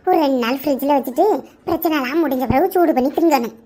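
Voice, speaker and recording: Woman playing a village woman, very high voice, teasing, bickering. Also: fast talker, very noisy, natural voice. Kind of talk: village family drama acting.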